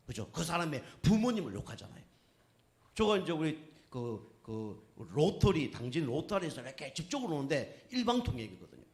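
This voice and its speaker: Male pastor, conversational sermon delivery, lively intonation, keeps checking in with listeners. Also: on the high side, moderate pace. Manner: conversational preaching, with frequent tag questions to the congregation; acts out quoted speech in anecdotes.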